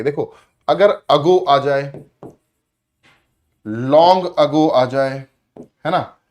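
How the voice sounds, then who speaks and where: A man teaching English grammar for exams. He asks his own questions, answers them step by step, and calls his students friends. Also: high voice. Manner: addresses students as friends and brother. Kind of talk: exam-prep grammar lesson.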